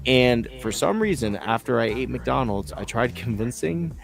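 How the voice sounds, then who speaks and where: A man co-hosting a casual live stream, telling rowdy stories in a lively way and jumping up in pitch for quoted voices. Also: moderate pace, vocal fry. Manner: animated storyteller, jumps high for quoted voices. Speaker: co-host.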